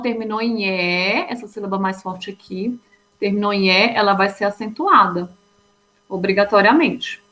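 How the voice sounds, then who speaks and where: A woman's voice: medium pitch, fairly bright tone, poor audio. Patient woman teaching grammar. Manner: patient, explains step by step, checks in with the class. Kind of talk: online grammar lesson.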